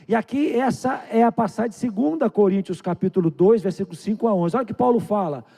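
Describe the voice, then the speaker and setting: A man with a Brazilian Portuguese accent preaching a sermon to his congregation. He swings between loud, urgent bursts and hushed, low passages and asks the listeners questions directly. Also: quick pace, creaky. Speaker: pastor. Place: church sanctuary.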